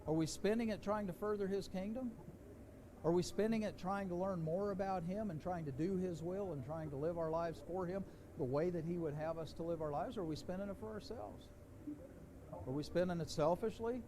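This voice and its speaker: Folksy preacher with rising questions. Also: male voice, high voice, a little fast, warm tone, a little hiss or hum. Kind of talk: sermon. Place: church sanctuary.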